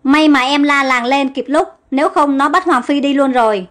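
A woman's voice: high-pitched, normal speed, a bit bright, faint music behind. A woman voicing a young, loyal, easily alarmed handmaid who talks fussily.

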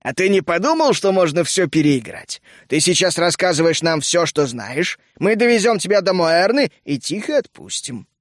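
A man voicing a stern, weary mercenary leader in a read-aloud story, speaking calmly, low and measured. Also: dry recording, clean studio sound.

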